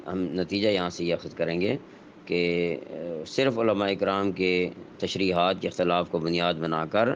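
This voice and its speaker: A man giving a religious lesson, explaining step by step in a measured way, pausing often with fillers. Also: low voice, steady tone. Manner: measured explanatory delivery with frequent hesitation fillers. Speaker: Islamic teacher. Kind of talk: religious lecture. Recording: dull lo-fi sound with faint noise.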